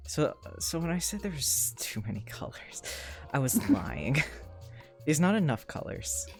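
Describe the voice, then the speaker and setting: Role: livestreamer. Style: casual chat while gaming live. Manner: excitable and profane, with an even, middle-pitched voice. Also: normal speed, soft background music. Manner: excitable, swears freely, frequent repeats.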